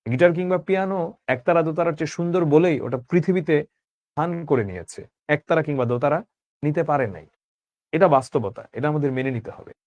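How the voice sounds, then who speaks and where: A man teaches an online class, slightly high-pitched and recorded close and dry. He explains a literary text line by line and keeps stopping to put questions to his students. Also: darkish tone, no room sound.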